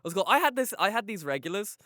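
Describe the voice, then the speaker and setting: A man's voice: high-pitched, sing-song, very fast, sharp tone, no echo, clean studio sound. A man hosting a podcast in casual chat, rambling along with lots of dude-and-man slang. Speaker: podcast host.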